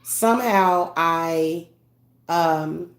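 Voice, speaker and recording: A woman with a fairly low, congested voice talks as a spiritual medium in a casual monologue. She sounds earnest and tender, halting often with many fillers and restarts.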